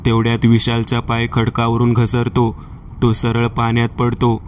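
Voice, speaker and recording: A male storyteller reading a horror tale in a steady, unbroken delivery. His voice sits at a middling pitch and stays remarkably flat, with almost no melody. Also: measured pace, noisy background.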